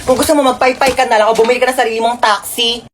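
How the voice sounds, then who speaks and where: Casting: woman, fairly high voice, sassy and bossy skit delivery, background noise. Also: steady tone, rapid-fire. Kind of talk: comedy skit acting.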